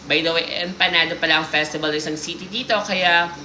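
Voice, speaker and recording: Woman host reading listener stories on a stream, bright voice, playful and teasing; roomy echo. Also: fairly low pitch, steady tone, quick pace, a little hiss or hum. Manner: playful, teasing asides while reading aloud. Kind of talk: casual livestream chat.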